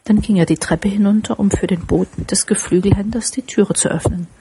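A woman narrating a classic tale as an audiobook, with lively, expressive storytelling and drawn-out descriptive phrases. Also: mid-range voice, slight background noise.

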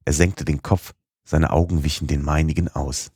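A man reads a classic adventure novel aloud with a very deep, husky voice. His delivery is expressive and lifts into the dialogue. The recording is close and dry, with no room sound. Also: normal speed, no room sound. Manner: expressive reading, voicing the dialogue. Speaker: audiobook narrator. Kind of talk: scripted narration of a classic novel.

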